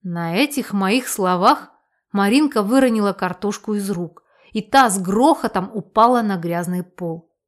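A woman narrating a humorous first-person detective story in a lively storytelling manner. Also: medium pitch, measured pace.

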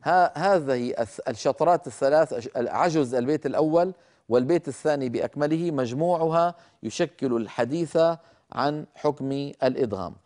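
A man teaching Quran recitation rules in a recorded lecture, explaining slowly and deliberately, repeating key points and pausing on drawn-out fillers. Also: medium pitch, darkish tone.

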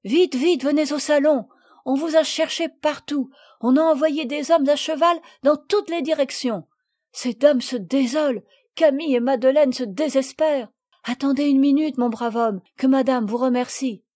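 A woman voicing an anxious young housemaid in a storybook reading, speaking in a hurried, urgent way. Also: high-pitched, darkish tone, dry recording, clean studio sound, close to an everyday voice.

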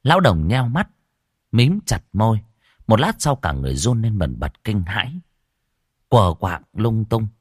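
A man narrating an audiobook story in an expressive storytelling manner. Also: on the low side, a little slow, breathy edge, dry recording, studio quality.

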